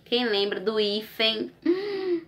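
Woman teacher, unhurried and bright, sing-song coaxing delivery for small kids at home. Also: medium pitch, animated. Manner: slow, coaxing, sing-song teacher talk with tag questions. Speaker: primary school teacher. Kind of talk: recorded remote lesson for young children.

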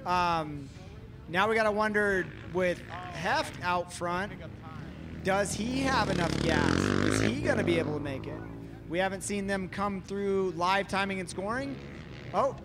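A man giving live race commentary, analyzing and speculating as he explains. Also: sits high. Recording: noisy outdoor race broadcast.

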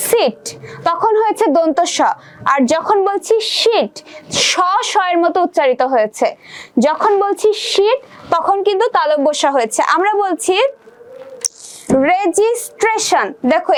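A woman teacher gives an exam-prep lesson, explaining step by step and often checking that her students follow. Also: very high-pitched.

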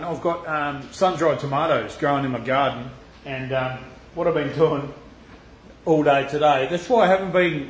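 A man's voice: a little high, a little hiss or hum. An Australian man hosting a casual live cooking stream, chatting loosely to viewers, swearing freely and laughing often, in a home kitchen. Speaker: cooking channel host. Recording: echoey room.

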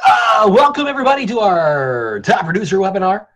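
A man doing a loud, hyped radio announcer voice as a joke on a webinar. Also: sits high, very animated, a little fast, background noise, voice pushed up. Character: booming male radio announcer. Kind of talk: jokey put-on radio voice.

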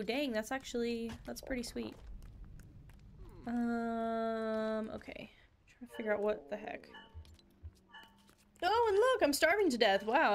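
A young woman streaming a game, chatting casually with viewers in a bubbly, chatty way and laughing often. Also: on the high side. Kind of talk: casual live-stream chat.

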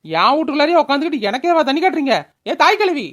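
A woman's voice: high voice, lively intonation, quick pace, pitched below the performer's own voice. A woman voicing a drunken grown son in a cartoon, bellowing and taunting his family. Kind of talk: cartoon voice acting.

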